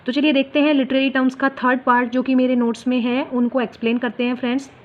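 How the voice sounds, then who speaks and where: A woman's voice: high voice, flat delivery, fast, dull audio. A woman, teaching literary terms from her exam notes, term by term, and calling her viewers friends. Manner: explains term by term, repeats the key points, calls viewers friends. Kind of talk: exam-prep notes lesson.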